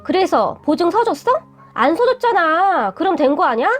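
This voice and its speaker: A woman's voice: high voice, lively intonation, fairly quick, faint music behind. A woman voicing a blunt, defensive young adult boyfriend who talks curtly and dismissively. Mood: annoyed. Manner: curt, irritable, dismissive.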